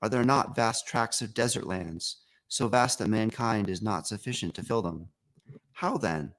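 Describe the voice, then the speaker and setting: A man's voice: lowish voice, measured pace, a bit bright. A man reading an old essay aloud in a formal, declamatory manner. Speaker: reader.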